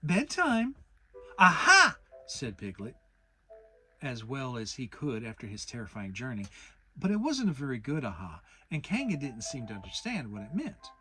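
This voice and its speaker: A man giving a dramatic reading of a children's storybook, expressive, with big jumps into character voices. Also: medium pitch, moderate pace, soft background music. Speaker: audiobook narrator.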